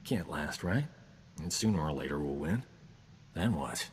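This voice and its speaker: A man's voice: extremely low pitch, lively intonation, measured pace, big-room sound, slight background noise. An actor playing a boastful, roguish male doctor in a video game, talking in a cocky, flippant, self-important way. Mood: wry. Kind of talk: video game character dialogue.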